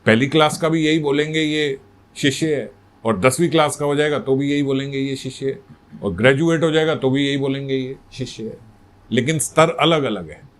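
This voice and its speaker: A man's voice: medium pitch, normal speed. A man telling a religious story in a sermon, conversational and full of rhetorical questions. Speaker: spiritual storyteller.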